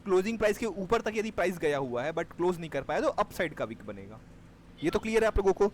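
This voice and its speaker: A man's voice: sits high, big pitch swings, fast talker, slight background noise. A man teaching a live class on trading, explaining step by step and checking that his students follow. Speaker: stock market trading teacher.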